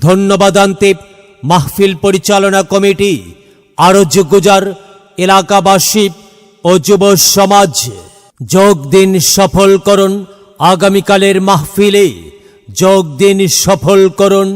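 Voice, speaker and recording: A man's voice: high voice, flat delivery, takes it slowly, long pauses, smooth. A man reading a scripted promotional announcement in a formal, declamatory, phrase-by-phrase delivery that edges into chanting. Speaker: announcer of a religious gathering advertisement. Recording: long hall reverb, music behind. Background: music.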